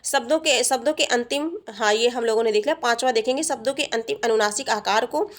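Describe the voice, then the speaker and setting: A woman with a fairly high voice runs an exam-prep grammar lesson. She explains patiently, repeating each point and pausing on fillers. She often poses a question to her students and answers it herself. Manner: asks the class questions and answers them herself. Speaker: teacher.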